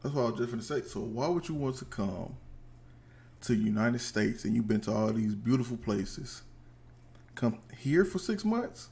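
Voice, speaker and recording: A man's voice: mid-range voice, lively intonation, normal speed, creaky, a little mellow. A man with a headset giving blunt, slangy commentary while reacting to a video at home. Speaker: reaction streamer.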